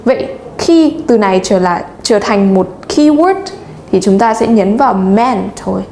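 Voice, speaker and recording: A woman teaching English pronunciation, speaking slowly and deliberately and stressing the key words. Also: medium pitch, a little mellow, a little hiss or hum. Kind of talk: bilingual pronunciation lesson. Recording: echoey room, faint ambience.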